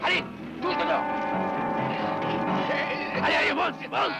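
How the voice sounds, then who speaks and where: An actor playing an excitable gang leader in a French western dub, shouting short urgent orders to drive his men on. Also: slow, lightly acted, rough recording. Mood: urgent, excited. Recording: film soundtrack under loud music.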